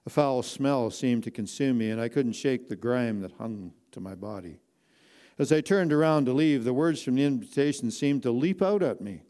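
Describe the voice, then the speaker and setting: A man narrating a first-person inspirational story slowly and earnestly, with dramatic pauses. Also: medium pitch, lively intonation, dark tone.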